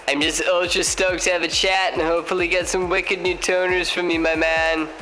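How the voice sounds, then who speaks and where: A man's voice: high-pitched, level tone, moderate pace, over music, natural voice. A man playing a laid-back young male surfer guest, speaking in drawling surfer slang. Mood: stoked.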